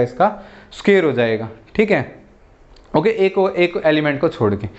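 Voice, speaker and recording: A man's voice: sits high, muffled recording. A man giving a math lecture in Hindi mixed with English, walking through examples step by step and checking in with "theek hai" and "okay". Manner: steps through examples, repeats "ठीक है" and "okay".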